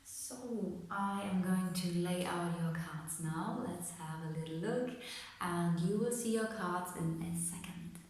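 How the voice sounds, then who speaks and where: A woman's voice: lowish voice, slow pace, darkish tone. A woman hosting a tarot reading, talking informally and directly to her viewers in a casual, chatty way. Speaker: tarot reader and channel host. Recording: very echoey, reverberant room.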